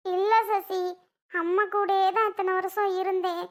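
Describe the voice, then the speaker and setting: Lady doing a weepy young bride, squeaky high voice, pleading. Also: flat delivery, measured pace. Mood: tearful. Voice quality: high-pitched, sobbing. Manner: plaintive, pleading. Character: young tearful bride leaving her mother. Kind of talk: cartoon voice acting.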